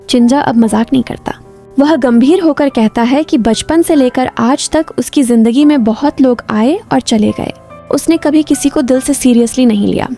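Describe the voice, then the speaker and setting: Higher, mellow-voiced woman narrating a story. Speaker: drama recap narrator.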